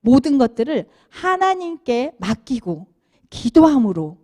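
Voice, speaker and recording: A woman giving a children's sermon, animated and asking the kids questions as she tells the story. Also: high-pitched, measured pace. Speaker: children's minister.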